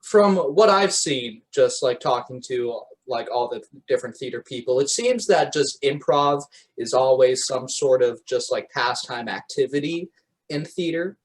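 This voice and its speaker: A man's voice: mid-range voice, lively intonation, measured pace, low-quality recording. Laid-back man hosting a podcast. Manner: laid-back, easy back-and-forth with "yeah, man". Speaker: podcast host. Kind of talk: casual interview chat.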